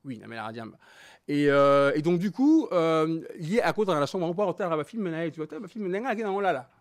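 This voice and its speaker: Animated Congolese-raised man, lively voice. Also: fairly high pitch, brisk. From born in Belgium, raised in Congo. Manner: animated, emphatic, switching between French and Lingala. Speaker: interview guest. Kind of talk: candid personal interview.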